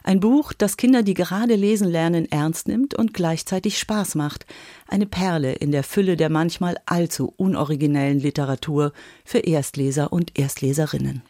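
Woman, radio book critic, measured scripted delivery, dry studio sound. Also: sits low, warm tone, no echo.

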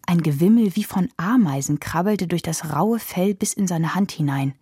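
A woman narrating a children's audiobook in a calm storytelling voice. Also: on the low side, normal speed, slightly rough, no echo, clean studio sound.

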